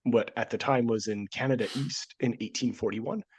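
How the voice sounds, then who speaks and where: Though a cold has him sick and nearly voiceless, a man hosts his casual history podcast remotely from a home studio, joking and laughing often. His mid-range voice is slightly rough, with fairly even intonation and a normal speaking speed.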